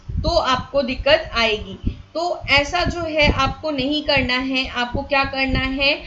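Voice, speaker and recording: A woman's voice: high-pitched, sharp tone, muffled recording. A woman teacher giving an explanatory lecture, talking casually and asking the class rhetorical questions. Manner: conversational, frequent rhetorical questions and fillers.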